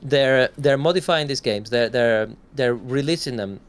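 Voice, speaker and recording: A man's voice: medium pitch, measured pace, clear, resonant tone. A man co-hosting a gaming podcast, talking in a rambling, casual way and swearing now and then. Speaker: podcast co-host.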